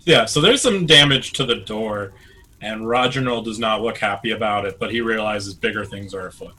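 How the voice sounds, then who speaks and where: Brief: male game master, bright tense tone, relaxed quick rulings. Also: fairly low pitch, a little hiss or hum. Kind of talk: narrating a tabletop game.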